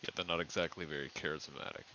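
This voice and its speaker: A man's voice: a bass voice, steady tone, fast, bright, forceful tone, lo-fi sound. A man playing in a tabletop game, crude and full of scheming ideas. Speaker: player. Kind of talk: tabletop role-play chat.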